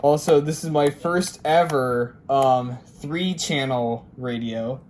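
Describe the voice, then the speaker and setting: Hosting a casual radio unboxing video from a room at home, a man jokes around and chats with viewers and friends. He speaks slowly in a mid-range, darkish voice, with slight background noise.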